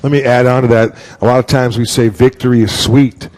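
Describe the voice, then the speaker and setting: A man's voice: medium pitch, steady tone, a little fast, a little mellow. A man hosting a college sports show, asking players long, joking questions in a chatty way. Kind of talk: casual sports talk show.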